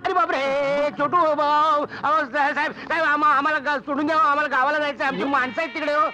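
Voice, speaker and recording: A man's voice: very high-pitched, fairly even intonation, quick pace, bright, forceful tone, highs cut off, soft background music, heavily acted. An actor playing a timid village man who stammers and pleads his way through trouble in the city. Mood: pleading. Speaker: comic lead in a film. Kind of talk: comic film acting.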